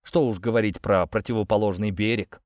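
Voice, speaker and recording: A man reading a first-person audiobook in a steady, grim storytelling manner. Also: on the low side, a little fast, no room sound, studio quality. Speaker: audiobook narrator.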